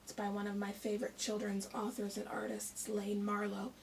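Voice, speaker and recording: Like a primary school teacher, a middle-aged woman expressively reads a picture book and poses questions to the children. She speaks at normal speed in a mid-range voice with vocal fry. The audio comes from a camera set a little way off in a small shelved room, with some faint background noise.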